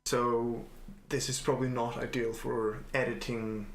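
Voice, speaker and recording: A man calmly and methodically walking through a software tutorial he made, with the odd filler "uh". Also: medium pitch, a little slow. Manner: calm, methodical explaining with filler uhs. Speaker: software developer demonstrating his editor. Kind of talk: screen-recorded software tutorial. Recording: echoey room, faint noise.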